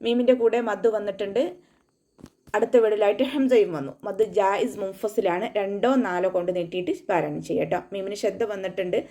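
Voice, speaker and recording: A woman's voice: medium pitch, steady tone, dark tone. Woman, tajweed teacher, patient step-by-step explaining. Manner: patient step-by-step instruction, slow melodic Arabic recitation between explanations. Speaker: Quran recitation teacher. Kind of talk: online tajweed lesson.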